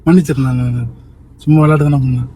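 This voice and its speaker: A man's voice: mid-range voice, steady tone, quick pace, warm tone, husky. A young man hosting a hidden-camera prank from inside a car, with erratic questions that swing to frantic pleading. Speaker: prank video host posing as a taxi driver.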